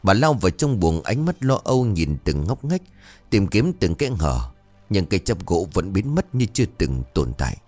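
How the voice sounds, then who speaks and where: A man narrating a ghost story in a suspenseful, expressive manner. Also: low voice, normal speed, no echo, soft background music. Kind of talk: dramatic horror story narration.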